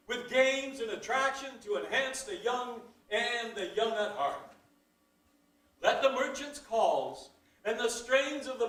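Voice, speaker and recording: A man making a town crier's proclamation in a loud, ceremonial, theatrical old-fashioned manner, indoors in a council chamber. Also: extremely high pitch. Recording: echoey hall, far from mic.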